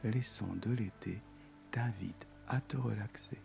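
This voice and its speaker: A man guiding a meditation in a soft, soothing, intimate voice, as if speaking right into your ear. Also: fairly low pitch, a little slow, creaky. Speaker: meditation guide. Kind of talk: guided meditation. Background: music.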